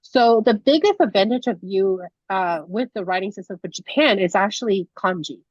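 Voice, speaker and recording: Animated and moderate in pace, a young Mandarin-native woman from Taiwan teaches a relaxed conversational lesson in her medium-pitched voice, using lots of fillers and restarts. The lo-fi video call audio is dull, with no echo.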